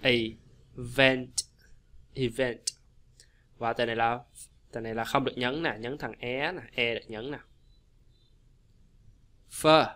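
A man teaching English pronunciation in a chatty, repetitive way, slowing down to model English words. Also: medium pitch, fairly even intonation, sharp tone. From Vietnam. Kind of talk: casual explanatory lesson.

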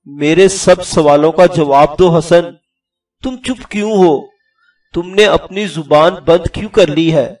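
A man's voice: fairly high pitch, darkish tone, natural voice. A man voicing a fierce, protective young male commander who fires off urgent, demanding questions, with a distant sound and faint music behind.

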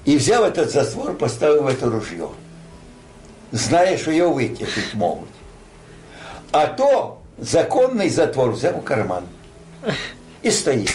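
A man's voice: fairly high pitch, huge pitch swings, unhurried, pauses often, darkish tone, a little hiss or hum. An older man telling a war story like a grandpa, rambling and colloquial, acting out dialogue. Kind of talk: casual oral war storytelling.

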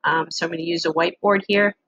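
A middle-aged woman giving a casual, halting lesson walkthrough with frequent pauses, as an instructor on a screen-share recording. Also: lowish voice, fairly even intonation, a bit bright, slightly rough, lo-fi sound.

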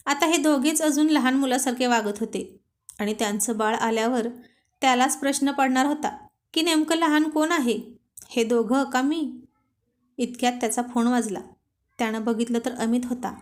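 A woman narrating a romantic storybook in a gently amused, storytelling manner. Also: high-pitched, moderate pace.

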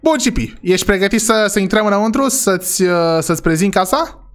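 A man hosting a playful role-play vlog, excitable and speaking straight to his viewers. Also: sits high. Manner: excitable, addresses viewers directly. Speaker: vlogger host.

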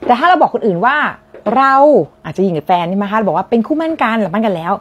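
A woman's voice: mid-range voice, very animated, fast talker, a bit bright, husky. Thai-accented woman, friendly English teacher, models words for repetition. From Thailand. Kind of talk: lesson on vocabulary.

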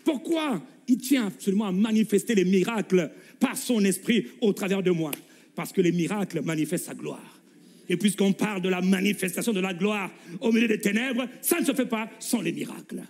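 A man with a French accent preaching a lively sermon as pastor, acting out Gospel scenes in voices and calling the congregation to answer. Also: high voice, moderate pace. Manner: calls for responses from the congregation. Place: church hall. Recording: long hall reverb with faint music.

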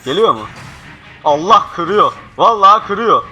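Jumpy young man yelling at a horror game. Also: high-pitched, big pitch swings, a little slow, slightly rough, lo-fi sound, soft background music. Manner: jumpy, swearing, swings from panicked yelling to hushed muttering. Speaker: gaming youtuber. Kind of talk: horror game let's play commentary.

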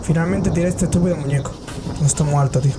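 A man's voice: fairly high pitch, steady tone, rapid-fire, very noisy. A man streaming a horror game, swearing and reacting with jokey running commentary. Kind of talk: horror game let's play.

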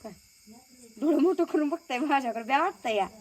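A woman's voice: high voice, animated, a little fast, darkish tone. A young woman chatting casually in a home vlog, coaxing a toddler with questions. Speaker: village vlogger.

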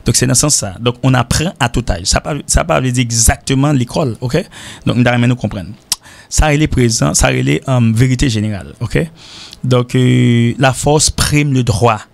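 Gravelly Haitian man teaching English. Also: mid-range voice, normal speed. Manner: repetitive, explanatory, checks in with "hein?" and "ok?"; mixes French with Creole. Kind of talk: radio English lesson. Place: radio studio.

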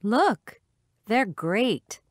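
A woman acting a friendly young woman in a textbook listening dialogue, clearly enunciated. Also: a little high, sing-song, very slow, dry recording, heavily acted.

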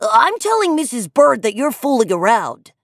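A woman's voice: on the high side, very animated, normal speed, dry recording, studio quality. A woman doing a whiny little tattletale boy. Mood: whining. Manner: whining. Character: young schoolboy, whiny tattletale.

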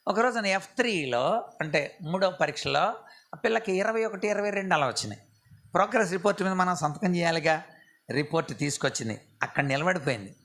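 A male pastor preaching a sermon, often asking the audience questions and acting out prayers in a soft, low voice. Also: expressive, a little fast. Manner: asks the audience rhetorical questions.

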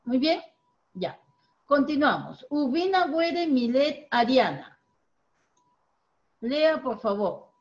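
Encouraging teacher, lo-fi call. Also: female voice, high voice, very animated. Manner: encouraging, corrects pronunciation slowly. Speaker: primary school teacher. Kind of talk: online reading class.

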